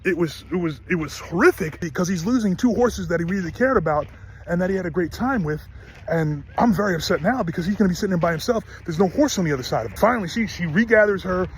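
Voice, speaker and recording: Earnest, slightly high-voiced man telling a story. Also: animated, fast, slight background noise. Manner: earnest, emphatic retelling with restarts. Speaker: horse owner vlogger. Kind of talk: casual storytelling vlog.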